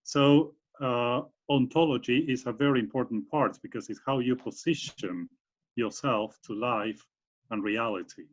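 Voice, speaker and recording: A man's voice: mid-range voice, a little slow. A man from Argentina with an Argentine Spanish accent, explaining his academic work in a video call interview, full of fillers and restarts. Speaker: guest speaker, university professor. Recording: muffled video call audio.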